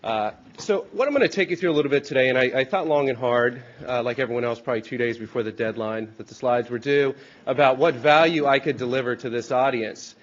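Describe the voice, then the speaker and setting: A man with a hoarse, congested voice gives an informal, explanatory conference presentation, often posing rhetorical questions. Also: mid-range voice, fast, highs cut off. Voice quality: hoarse, congested from a sinus infection. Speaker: research company president presenting at a hearing. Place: hearing room with an audience.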